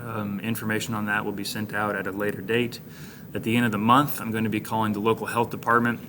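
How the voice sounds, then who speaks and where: Low, even-toned American man making school announcements. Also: background noise. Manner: encouraging, congratulatory, plain-spoken, halting phrasing. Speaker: high school administrator giving announcements to students. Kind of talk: informal video announcement to students, like an orientation leader.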